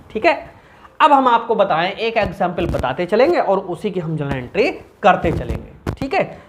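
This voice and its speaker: A man's voice: fairly high pitch, background noise. A man teaching commerce in an informal recorded lesson, asking questions and answering them himself. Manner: animated, asks and answers his own questions.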